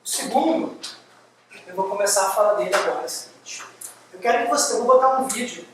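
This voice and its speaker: A man giving a university lecture, lively and firing quick questions at the audience. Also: high-pitched. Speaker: guest lecturer. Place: large lecture hall. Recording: echoey hall, distant mic, faint hiss.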